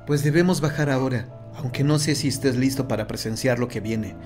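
A man voicing a frightened young woman who gives low, urgent warnings in an audiobook story. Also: a little fast, a little mellow, faint music behind, lightly acted. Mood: urgent worry.

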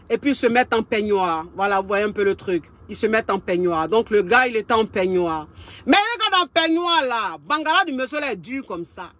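High-voiced woman coach. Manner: lively, repeats phrases for emphasis, street slang. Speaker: relationship coach. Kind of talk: casual storytelling monologue.

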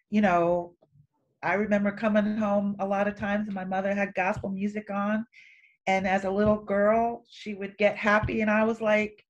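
A woman artist speaking on a panel in a relaxed, conversational way, laughing often. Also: mid-range voice. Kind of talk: panel discussion.

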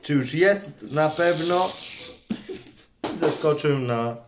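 A man's voice: fairly high pitch, slow pace, noisy background. A man, a father hosting a casual toy unboxing with his son, chatty and teasing, reading a comic aloud. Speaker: father and channel host.

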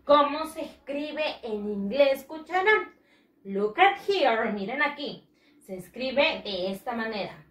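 Woman, children's teacher; high voice, unhurried drill delivery, roomy recording. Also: expressive, fairly bright tone, far from the mic. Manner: slow, drawn-out pronunciation drills. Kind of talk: bilingual vocabulary lesson for children. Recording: echoey room.

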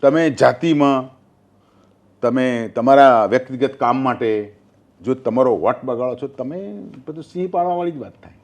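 A man's voice: medium pitch, normal speed. An older man from Gujarat, a former newspaper journalist, talking politics in an interview and telling anecdotes, acting out quoted speech.

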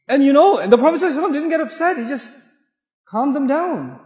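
A middle-aged man from Pakistan giving an animated, humorous Islamic talk to an audience in a large mosque hall, acting out voices as he tells stories. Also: extremely high pitch, rapid-fire, lo-fi sound. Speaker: Islamic lecturer. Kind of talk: sermon-style talk with storytelling. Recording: echoey hall with long reverb.

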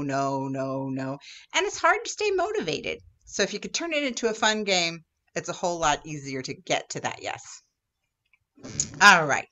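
A woman's voice: on the low side, pushed and bright, slight background noise. A woman Girl Scout troop leader giving an upbeat instructional talk for children, sometimes acting out exchanges with customers. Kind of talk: instructional video for kids.

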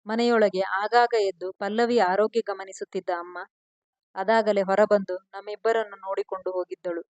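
Brief: female storyteller, gentle emotional narration, mid pitch, dry close sound. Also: steady tone, moderate pace, no room sound, highs cut off. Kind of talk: first-person story narration.

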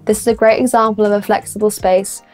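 A woman's voice: mid-range voice, little pitch movement, quick pace, a little mellow, soft background music. A young woman presenting a scripted house tour as a property presenter, with upbeat, complimentary sales patter. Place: indoor rooms of a furnished house. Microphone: lapel mic.

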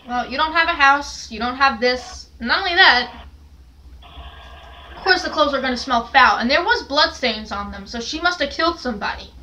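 Animated and high-pitched, pushed and bright at a normal pace, a young vlogger tells a meandering story with many fillers and restarts from her cluttered little bedroom. A camera on a stand records her from afar, and the low-quality audio carries some hiss or hum.

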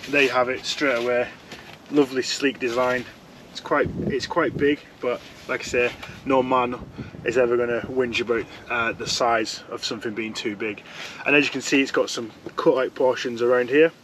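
A man's voice: medium pitch, fairly even intonation, moderate pace, background noise. A young man chatting casually as he reviews fishing gear from inside a tent, rambling and restarting his sentences. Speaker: fishing vlogger.

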